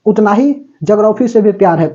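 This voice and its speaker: Male teacher for an exam-prep biology lesson. Chatty, keeps checking in with students, mellow tone, lo-fi recording. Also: sits high, fairly quick. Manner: mixes English terms into Hindi; breaks into snatches of song. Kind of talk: classroom lecture.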